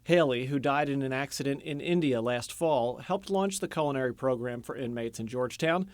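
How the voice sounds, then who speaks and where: A male news reporter reading a scripted story in a crisp, measured way. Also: mid-range voice, no room sound. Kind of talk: scripted news narration, then casual studio chat.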